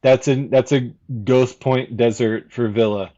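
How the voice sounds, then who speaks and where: A man talks as a guest on a casual football podcast. He lays out his reasoning in long, measured explanations. His mid-range voice sounds a little dull and lo-fi. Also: medium pitch, steady tone, warm tone. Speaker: fan guest.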